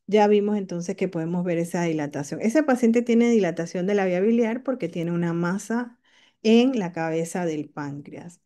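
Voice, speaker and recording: A woman's voice: mid-range voice, mellow. A woman lecturing on medical imaging, walking students through scans and checking in with frequent questions. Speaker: radiology teacher.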